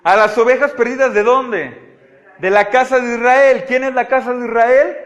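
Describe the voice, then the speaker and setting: A man teaching a Bible study, animated and often checking with his listeners. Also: very high-pitched, normal speed. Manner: animated, asks the audience frequent checking questions. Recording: audio-only recording of a live talk.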